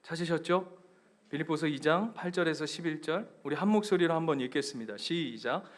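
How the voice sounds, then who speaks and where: A man with a high voice preaches a Sunday sermon in a church sanctuary, speaking with a Gyeongsang accent. He moves between hushed, almost whispered asides and loud, emphatic cries. He questions the congregation directly and leads them in reading scripture together. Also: a little fast. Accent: Gyeongsang Korean. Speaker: pastor.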